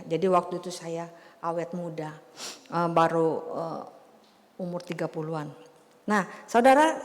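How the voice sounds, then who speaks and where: A woman in her fifties giving a chatty, storytelling sermon to a church congregation. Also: lowish voice. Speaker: preacher. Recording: long church reverb.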